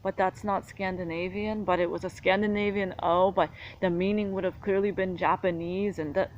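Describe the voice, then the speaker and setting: A woman's voice: medium pitch, fairly even intonation, moderate pace. A woman from the United States, talking in an indignant, rambling, argumentative monologue. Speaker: vlogger. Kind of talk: casual monologue to camera. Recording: dull lo-fi sound with faint background noise.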